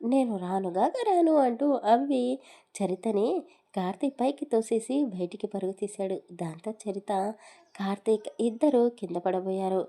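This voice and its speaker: A woman's voice: medium pitch, moderate pace, mellow. A woman narrating a romantic audio story with a Telugu accent, voicing every character's dialogue herself.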